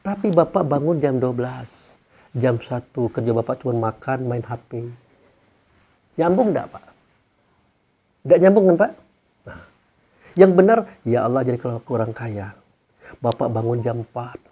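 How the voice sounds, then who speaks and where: A man's voice: lively intonation, a little slow, pauses often, warm tone. Man preaching, dull recording. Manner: questions the audience often, sweeping pitch for emphasis. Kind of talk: sermon to a gathering.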